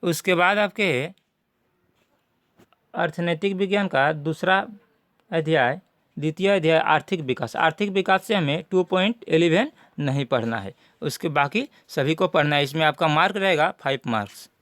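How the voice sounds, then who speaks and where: Male teacher, high-pitched, dry close recording, methodical and repetitive. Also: moderate pace, fairly bright tone, no room sound. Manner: methodical, repeats points for students. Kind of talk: syllabus walkthrough lesson.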